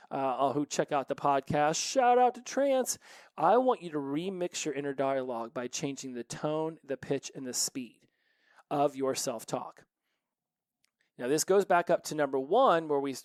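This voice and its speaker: A man hosting a solo self-help podcast from his office, talking in an energetic, emphatic and playful way. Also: fairly high pitch, clear, resonant tone, dry recording. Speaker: podcast host.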